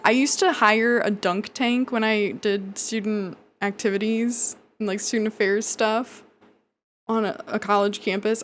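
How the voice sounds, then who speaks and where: A woman's voice: medium pitch, slight background noise. A woman live streamer chatting casually and jokingly with her chat while she plays a video game, swearing freely.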